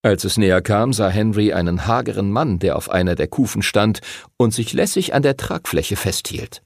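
Male audiobook narrator, husky and lively, dry studio sound. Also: on the low side, normal speed, dry recording. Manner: expressive, voices characters. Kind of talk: scripted narration.

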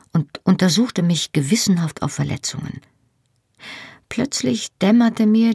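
Female audiobook narrator: measured first-person storytelling, slow, husky, close mic. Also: lowish voice, a little mellow, dry recording.

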